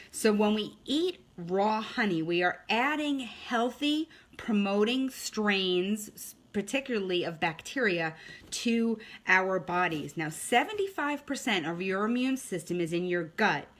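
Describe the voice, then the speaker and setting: A woman's voice: medium pitch, fairly bright tone. A woman hosting a casual live-streamed health talk, chatting with viewers and often checking in with "okay?". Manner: chatty, greets viewers by name, frequent "okay?". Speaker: online health host.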